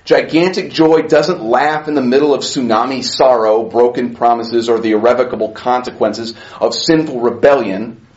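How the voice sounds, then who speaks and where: A man preaching a sermon as pastor, passionate, swinging between soft asides and rising emphasis. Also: medium pitch, moderate pace, roomy sound, muffled recording.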